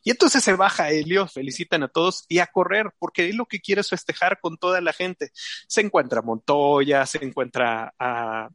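A man hosting a live racing show, talking excitedly and rambling with many fillers and restarts. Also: on the high side, normal speed, no room sound. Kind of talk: casual live show chat.

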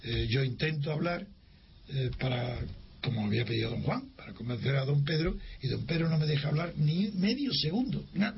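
A man's voice: medium pitch, creaky. An older man from Spain recounting a personal memory in an interview, acting out the dialogue with frequent restarts. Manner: lively storyteller who acts out dialogue, with frequent restarts. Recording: dull lo-fi recording with faint hiss.

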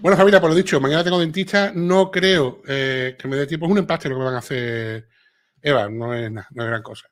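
A man's voice: a little high, fairly quick, a little hiss or hum. A middle-aged man with a Sevillian Andalusian accent, hosting a casual live chat and reading viewer comments aloud. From Seville, Spain. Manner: chatty, reads viewer comments aloud, frequent filler tags. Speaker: livestream host.

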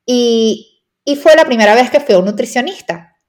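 A young Venezuelan nutritionist with a Venezuelan Spanish accent chats casually as a podcast guest, sprinkling her talk with tag questions. Her voice is fairly high, animated, and darkish, at normal speed.

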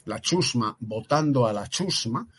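A man's voice: medium pitch, lively intonation, unhurried, fairly bright tone. A man from Spain with a Peninsular Spanish accent giving emphatic political commentary on a talk show, full of rhetorical questions and tag questions.

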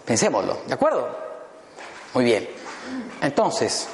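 Lively man in an echoey hall. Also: mid-range voice, takes it slowly, creaky. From Peru. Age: 50s. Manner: playful, humorous storytelling with audience asides. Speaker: motivational speaker. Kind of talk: motivational talk to a live audience. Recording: echoey hall with long reverb, faint noise.

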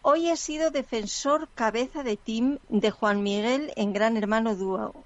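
A woman's voice: a little high, unhurried, no room sound, highs cut off. A woman co-hosting a radio show, reading out listener messages with hesitant fillers. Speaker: radio co-host.

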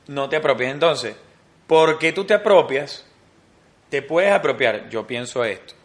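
A man's voice: mid-range voice, lively intonation, measured pace. A man, co-hosting a casual podcast chat, joking and slangy, fond of repeating phrases for comic effect. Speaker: podcast co-host.

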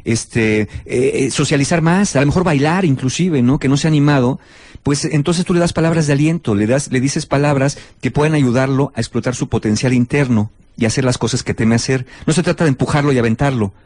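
A man, hosting a talk show and explaining relationship advice in an animated way. He keeps stepping into little acted-out scenes of what people say. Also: medium pitch, a little fast, dry recording. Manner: animated, acts out short quoted scenes. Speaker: host.

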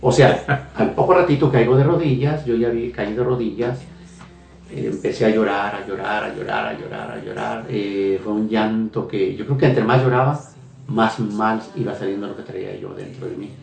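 This guest speaks at a normal speed in a lowish, slightly mellow voice with vocal fry. On a radio talk show he gives an earnest, emotional faith testimony, hesitating and repeating phrases. He is heard from a distance in an echoey room with faint music.

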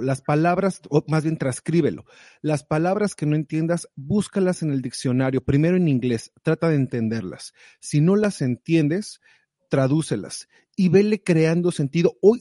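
A man talks in a casual conversation, lively and direct, as he urges the listener on. His voice sits a little high but has a mellow, warm tone. The sound is dry and close, with no room echo. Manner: animated, motivational, direct. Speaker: guest sharing advice.

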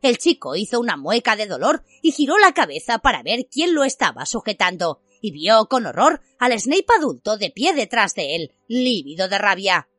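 A woman narrating a fantasy novel as an audiobook, with expressive storytelling. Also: medium pitch, moderate pace, few pauses, dry recording, soft background music. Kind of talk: scripted fiction narration.

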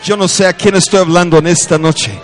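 A man preaching a charismatic sermon, swinging from shouted declarations to quiet storytelling and having the congregation repeat after him. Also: sits high, steady tone, fairly quick. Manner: calls on the congregation to repeat phrases.

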